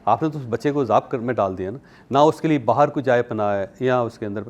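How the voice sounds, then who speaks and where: A man from Pakistan, hosting a talk and telling lively stories, acting out the people he quotes and laughing often. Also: medium pitch, fast talker. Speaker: talk show host and columnist. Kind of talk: animated conversational talk.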